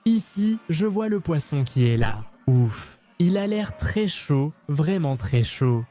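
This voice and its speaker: A man from Argentina hosting a travel vlog, talking in an excitable, playful, jokey way. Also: fairly high pitch, slow pace, soft background music. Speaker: travel vlogger host.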